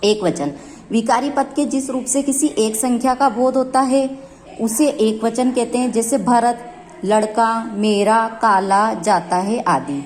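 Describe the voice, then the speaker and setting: A woman's voice: fairly high pitch, a little slow, a little mellow. A woman teacher giving a grammar lesson, explaining each rule step by step and repeating her examples.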